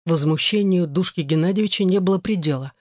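An audiobook narrator with a mid-pitched voice reads a dramatic story. The recording is dry and close-miked, with no room sound. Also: fairly quick, no echo.

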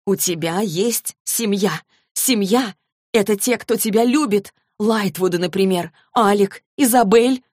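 Woman reader doing a frantic young woman, high and pleading, dry close sound. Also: moderate pace, no room sound, natural voice.

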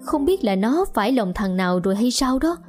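A woman's voice: a little high, very animated, a little fast, darkish tone, faint music behind. A woman voicing a stern, hot-tempered poor village father who scolds harshly in an audio story. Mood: angry.

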